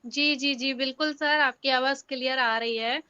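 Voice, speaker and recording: A woman participant answering softly in an online session. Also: sits high, fairly even intonation, moderate pace, clear, resonant tone, dry recording, muffled recording. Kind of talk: casual online speech.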